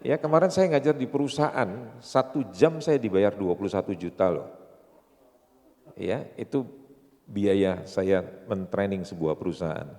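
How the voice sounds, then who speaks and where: Speaking a little slowly in a lowish, dark voice, an Indonesian-accented pastor in his sixties jokes and throws rhetorical questions at the audience during a seminar sermon. It's recorded in a church seminar hall with long reverb.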